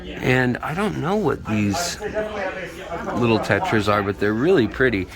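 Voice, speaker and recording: A man's voice: mid-range voice, very animated, takes it slowly, a loud crowd. Slightly muffled man giving a casual tour. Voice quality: slightly muffled through a face mask. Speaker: host of a shop tour video. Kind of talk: casual walk-through vlog narration. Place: inside a pet shop, walking around. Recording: clear background noise, store ambience.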